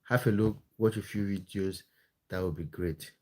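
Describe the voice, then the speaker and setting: A man's voice: fairly low pitch, steady tone, normal speed, warm tone. A man from Cameroon, hosting a casual live stream, reading viewer comments in a friendly, chatty way with lots of fillers and restarts. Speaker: live-stream host and football content creator.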